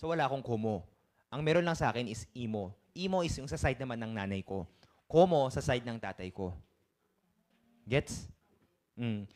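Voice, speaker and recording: A man's voice: medium pitch, lively intonation, normal speed, long pauses, a little mellow. Guy teaching a class, explains words one by one, keeps checking everyone gets it. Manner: explains terms in mixed Tagalog and English, asks learners questions. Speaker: Korean language teacher. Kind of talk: casual online language lesson.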